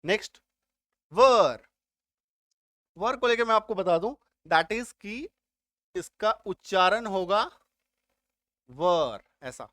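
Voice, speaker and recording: Slow, high-voiced male grammar teacher. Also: bright, forceful tone, no room sound. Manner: explains step by step, keeps checking if students understood. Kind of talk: spoken grammar lesson.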